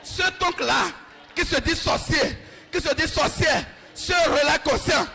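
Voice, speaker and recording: A male pastor leading a shouted deliverance prayer, fervently repeating short commands over and over. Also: extremely high pitch, measured pace, creaky, crowd noise.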